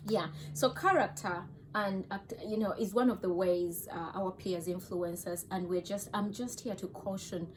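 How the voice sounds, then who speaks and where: A woman's voice: mid-range voice, steady tone, normal speed, few pauses, a little hiss or hum. Ugandan-accented woman, mother figure; earnest, cautioning, casual advice talk. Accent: Ugandan English. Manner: earnest, cautioning, repeats herself.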